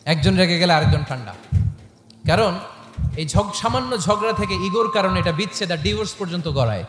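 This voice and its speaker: A man preaches to a large gathering, lively and full of questions thrown to the crowd. His voice sits high. The sound comes through loudspeakers with a long reverb and a faint hiss. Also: brisk. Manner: animated, rhetorical questions to the crowd, playful asides. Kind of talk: sermon with storytelling. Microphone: microphone through loudspeakers. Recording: echoey public-address sound with long reverb and faint noise.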